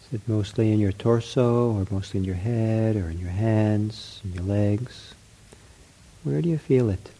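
Very mellow, gentle man guiding meditation. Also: fairly low pitch. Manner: gentle, accepting, counselor-like reassurance; unhurried, spoken in short spaced phrases. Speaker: meditation teacher leading a guided sitting. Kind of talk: guided mindfulness meditation.

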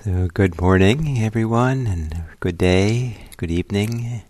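A man with a low, settled voice leads a meditation talk. He speaks gently and without hurry, pausing often on soft "uh"s. The sound is close and dry, with no room around it. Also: no echo. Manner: gentle, unhurried, many soft fillers. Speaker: meditation teacher. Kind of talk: dharma talk leading into guided meditation. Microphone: computer livestream setup.

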